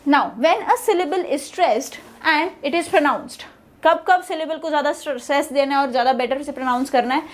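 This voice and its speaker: A woman teaching pronunciation, repeating each word slowly and explaining in Hindi. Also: sits high. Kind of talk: online language lesson.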